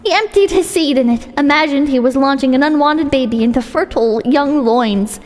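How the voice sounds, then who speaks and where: A woman's voice: high voice, moderate pace, darkish tone. A woman reading a short story aloud as its narrator. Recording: long hall reverb with music.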